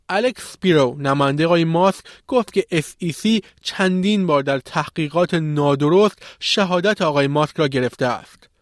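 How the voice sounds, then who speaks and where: A man's voice: on the high side, no room sound. A man presenting technology news in a scripted reading style, close to the microphone.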